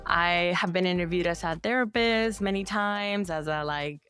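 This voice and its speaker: Chatty low-voiced woman from El Salvador. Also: moderate pace, fairly bright tone, soft background music. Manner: chatty, filler-heavy with frequent "like". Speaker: therapist and business owner, guest. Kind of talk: casual interview conversation.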